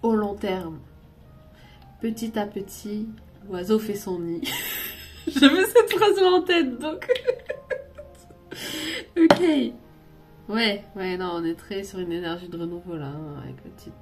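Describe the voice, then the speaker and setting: A woman lays out oracle cards in a relaxed, slow-paced chat and laughs easily as she goes. She rambles and drops English phrases into her talk. Soft music runs quietly behind her. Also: fairly low pitch. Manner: giggly, rambling, slips into English words. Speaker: tarot and oracle card reader. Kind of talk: casual card-reading video.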